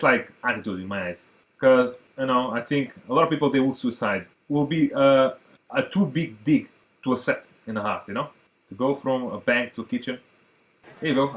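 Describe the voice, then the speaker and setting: Movie reaction host, man, native Portuguese speaker, excitable and chatty, middle pitch. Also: normal speed. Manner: chatty, excitable, addresses viewers as guys. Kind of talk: casual reaction commentary.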